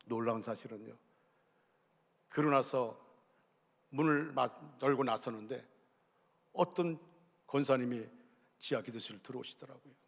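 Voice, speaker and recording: A middle-aged man preaching a sermon as senior pastor, telling a personal story with emotion, dropping to a hush and then rising fervently. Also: mid-range voice, normal speed, creaky, pauses often, breathy edge. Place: church sanctuary. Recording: long reverb of a church hall.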